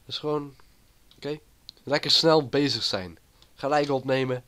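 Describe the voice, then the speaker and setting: A man with a cold talks through his gameplay in a loose, rambling way. He chats on at an ordinary pitch, jumping from one thought to the next. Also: measured pace, fairly bright tone. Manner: rambling and chatty. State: has a cold. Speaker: gaming YouTuber. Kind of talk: casual gameplay commentary.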